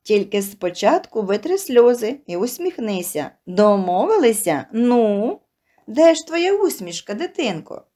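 A woman voicing a kind, gentle middle-aged flower seller who speaks soothingly in an audio story. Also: on the high side, big pitch swings, unhurried.

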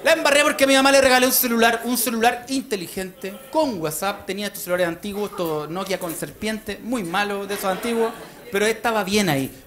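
A man with a Chilean accent performing a stand-up comedy routine on a club stage into a handheld mic, rowdy, switching between confiding asides and shouting. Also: high-pitched. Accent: Chilean Spanish. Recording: live show with loud crowd and noise.

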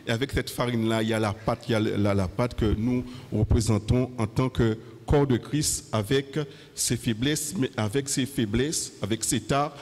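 A middle-aged man preaching a church sermon in a halting way, repeating words and phrases, on a handheld microphone in a hall. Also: mid-range voice, steady tone, a little mellow.

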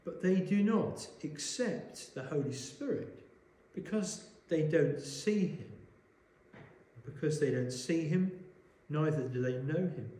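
A man preaching a sermon, explaining a Bible passage in a measured way and asking rhetorical questions, recorded in a church. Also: a little high, mellow. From Wales. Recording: echoey church room.

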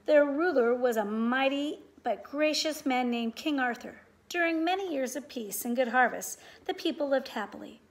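A middle-aged woman reads a storybook aloud for children in a living room at home. Her high voice moves at a normal speed with hardly any pauses.

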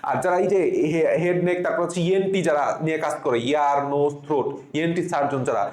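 High-voiced man spelling words out in an echoey room. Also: quick pace, a little mellow. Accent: Bangladeshi. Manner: spells words out letter by letter, drilling. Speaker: admission exam tutor. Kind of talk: spelling lesson for students.

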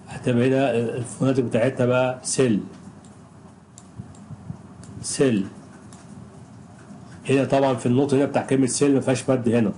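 Egyptian male teacher, mellow tone, patient and repetitive, light background hiss. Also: medium pitch, low-quality recording. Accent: Egyptian Arabic. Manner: patient, repeats each word slowly several times. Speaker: English teacher. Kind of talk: recorded screen lesson.

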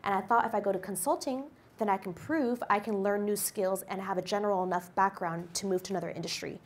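A woman's voice: mid-range voice, quick pace. Upbeat woman lecturing on stage. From United States. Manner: lively storyteller with an upbeat, personal delivery. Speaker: company executive giving a guest lecture. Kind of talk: presentation to a university class. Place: lecture hall stage with a projection screen. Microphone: handheld microphone.

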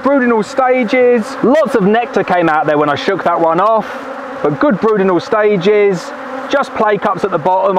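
An upbeat, chatty beekeeper with a high male voice narrates casually as he works a hive at an apiary by the forest's edge in the evening. The tripod camera sits at a distance and he wears a bee suit veil; the recording has cut-off highs, a little hiss or hum, and faint bee buzzing outdoors.

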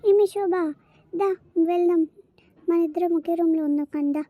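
A woman's voice: very high voice, normal speed, dry recording, narrow, tinny audio. A woman voicing a patient young daughter-in-law in a cartoon, who explains and reassures. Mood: soothing.

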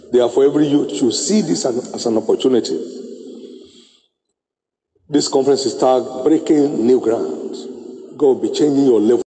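A middle-aged man preaching a sermon on a handheld mic in a large church auditorium, slow and emphatic with drawn-out phrases and sudden high exclamations. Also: warm tone. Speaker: bishop preaching. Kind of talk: sermon exhortation. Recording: echoey hall reverb.

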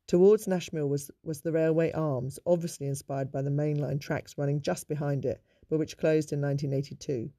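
A man giving a measured, informative narration of local history in a scripted documentary style. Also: a little high, fairly even intonation, mellow, faint music behind.

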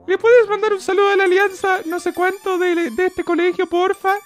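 A man putting on the high, pleading voice of a young schoolkid viewer who is begging for a shout-out. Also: little pitch movement, fairly quick.

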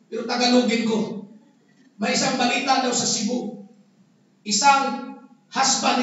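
Shouting Filipino pastor in an echoey hall. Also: male voice, extremely high pitch. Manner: emphatic preaching, often shouting, mixes English with Tagalog. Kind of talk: sermon. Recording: echoey hall from far off, dull lo-fi.

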